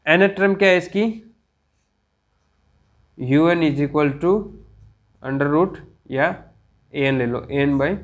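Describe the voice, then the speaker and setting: A man teaching a college math lecture, dictating slowly and checking in with his students often. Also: a little high. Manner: slow, drawn-out dictation with frequent check-ins.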